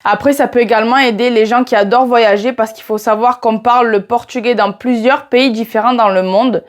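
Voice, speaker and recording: Vlogging to camera, a twenty-something woman from France with a southern accent talks about teaching Portuguese in a chatty way, frequently addressing the viewer directly with "tu vois." She speaks briskly, in a slightly high voice with fairly even intonation.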